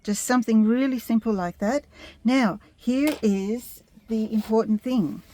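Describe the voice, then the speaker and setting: Slow, mellow woman painting instructor, gentle. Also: fairly high pitch, no room sound. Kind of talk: step-by-step painting tutorial narration.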